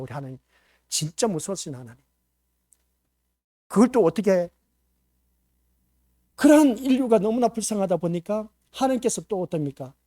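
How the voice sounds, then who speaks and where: A male pastor preaching a sermon, asking the congregation rhetorical questions and swinging between loud emphasis and hushed asides. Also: high voice, no echo, clean studio sound. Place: church.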